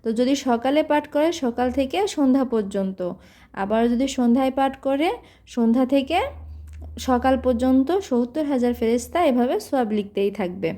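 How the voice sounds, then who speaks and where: A woman teaching Quran recitation, patiently explaining pronunciation step by step and chanting each verse slowly. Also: high-pitched, dark tone. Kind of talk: slow recitation lesson with drawn-out chanting.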